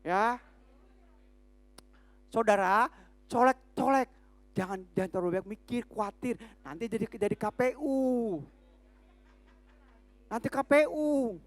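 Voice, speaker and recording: A woman preaching a sermon with an Indonesian accent. Her voice sits high, and she swings from emphatic shouts to hushed, drawn-out lines. The sound is dry and close to the mic. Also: expressive, no room sound.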